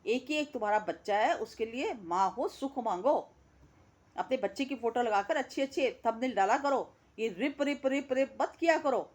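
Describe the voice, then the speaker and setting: A woman's voice: on the high side, expressive, normal speed, a little mellow. A woman giving an indignant, scolding reaction commentary, repeating words for emphasis. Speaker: reaction vlogger.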